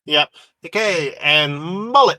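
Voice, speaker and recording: Bright-voiced man hosting a panel. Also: fairly high pitch, lively intonation, slow pace, no echo. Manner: hesitant, many fillers and restarts, laughs often. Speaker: panel host. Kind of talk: casual online panel chat.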